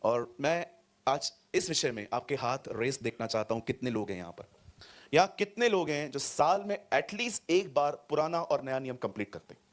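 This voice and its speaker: Animated male pastor preaching in a hall. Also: mid-range voice, moderate pace. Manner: animated preaching, jumps between loud and soft, mixes in English words. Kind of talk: sermon. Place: church hall with a congregation.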